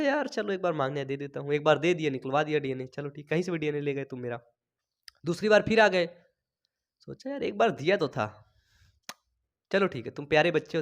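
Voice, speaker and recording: A young male teacher with a high voice runs a chatty biology lesson for students, tossing out questions and answering them himself. He has a cold and keeps coughing. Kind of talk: board exam lesson for students.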